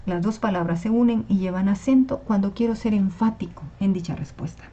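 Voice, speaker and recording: In a slightly dull lo-fi recording, a woman teacher gives an online class on Spanish spelling. Her medium-pitched voice is mellow and fairly quick, and she explains patiently while checking in with her students.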